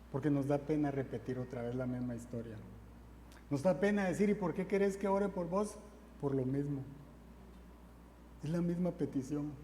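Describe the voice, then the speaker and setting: A fervent preacher, a man whose fairly high voice sits on a warm, mellow tone. He presses his points again and again with repeated refrains. He is heard in a long-ringing church hall with a faint hum behind him. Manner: fervent and repetitive, drives points home with refrains. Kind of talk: sermon. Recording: echoey hall, faint ambient noise.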